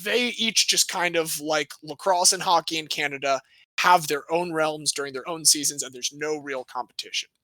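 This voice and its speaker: A man co-hosting a podcast, telling a sports history story in a playful, animated way with jokey asides. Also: a little high, moderate pace, no echo, poor audio. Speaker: podcast co-host.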